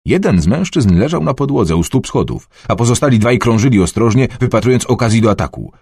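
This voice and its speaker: A man narrating an adventure novel in a dramatic, expressive storytelling manner. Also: medium pitch, a little fast, vocal fry, slightly rough, dry recording, studio quality. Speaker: audiobook narrator.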